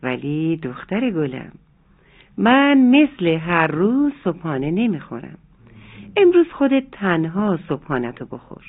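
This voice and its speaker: A narrator voicing a gentle, loving mother in a children's story, explaining calmly and tenderly. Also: mid-range voice. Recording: narrow phone-like sound, faint music.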